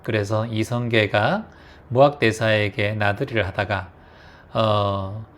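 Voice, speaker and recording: A man's voice: on the low side, steady tone, slow, fairly bright tone. Man giving a storytelling dharma talk. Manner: storytelling, acts out quotes. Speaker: meditation teacher.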